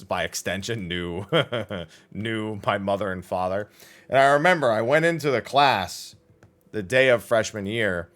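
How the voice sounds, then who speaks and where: Speaking at a medium pitch, a man hosting a livestream tells anecdotes casually, swearing freely and performing the dialogue with plenty of animation.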